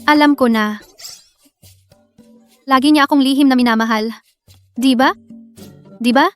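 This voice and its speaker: A woman's voice: high voice, unhurried, clean tone, soft background music. A woman playing a tipsy, lovestruck, clingy young woman in a dubbed drama. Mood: smitten.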